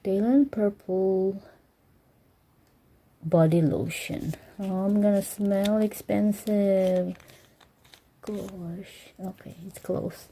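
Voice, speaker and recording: Slow, gravelly-voiced woman gushing over little things. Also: medium pitch. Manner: excited, gushing, often drops to whispers. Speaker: vlogger. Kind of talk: casual unboxing vlog. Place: home, bedroom at night.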